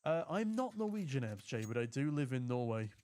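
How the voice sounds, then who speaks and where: This British man casts an esports match on his own, his medium-pitched, darkish voice very animated and fairly quick. He calls the play and, in a chatty, jokey way, reads viewers' chat messages aloud between the action.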